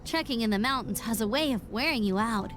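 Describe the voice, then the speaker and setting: A woman's voice: fairly high pitch, animated, a little fast, over music, lightly acted. A woman playing a cheerful, kindly young adventurer in an anime-style video game. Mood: flustered, tired.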